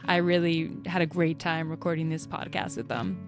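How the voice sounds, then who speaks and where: A young woman hosts a conversational podcast, her voice sitting on the lower side. She talks in a measured, reflective way as she introduces guests and asks questions. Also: soft background music. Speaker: podcast host.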